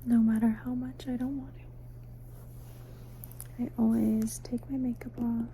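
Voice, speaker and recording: A woman giving a soft, sleepy, casual ASMR ramble, mostly in a breathy whisper, unhurried and intimate as if talking to the listener. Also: a little high, flat delivery, slight background noise. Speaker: ASMR host. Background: faint night ambience, crickets outside.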